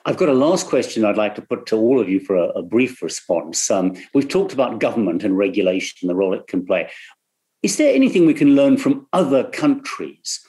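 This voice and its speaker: A man moderating a video-call panel, asking measured and courteous questions. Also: lowish voice, sing-song, mellow.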